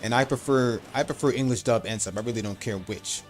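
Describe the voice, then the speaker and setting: A man's voice: mid-range voice, brisk. A man chatting casually on a live game stream, rambling and opinionated.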